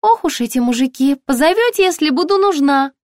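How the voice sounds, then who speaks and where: A chirpy, relentless young shop assistant chatters in a high, ringing voice, as a woman reading an audiobook puts her on. Her lines bounce up and down lively, close and dry. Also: brisk, dry recording. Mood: pushy.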